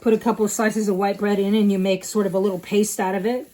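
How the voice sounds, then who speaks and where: A woman's voice: mid-range voice, level tone, fast talker, dark tone, poor audio. Chatty woman cooking at home. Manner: chatty, explains steps with many fillers. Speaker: home cook host. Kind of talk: casual cooking demonstration. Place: home kitchen.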